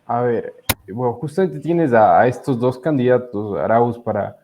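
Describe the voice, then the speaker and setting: A young Ecuadorian law student, guesting on an interview over a video call, explains politics casually but hesitantly, with lots of fillers. His voice is mid-range and dark, at a normal pace, and the audio is dull and lo-fi.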